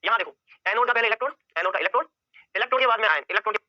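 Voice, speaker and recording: A man's voice: high-pitched, expressive, rapid-fire, bright, forceful tone, no echo, muffled recording. A male chemistry teacher giving an exam-prep lecture, firing off questions and answering them himself and repeating key points over and over.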